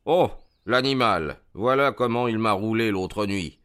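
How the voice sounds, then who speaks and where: A man voicing a sharp, decisive male detective in a read-aloud story, speaking in a measured, commanding way over faint music. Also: fairly low pitch, a little hiss or hum. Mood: urgent.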